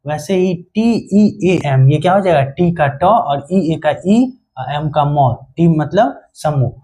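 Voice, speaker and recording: Hindi accent guy doing phonics for kids, kinda high but mellow voice, asks then answers himself. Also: animated, takes it slowly, rough recording. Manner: call-and-response questioning, spelling letters aloud. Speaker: teacher. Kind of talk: phonics lesson for children.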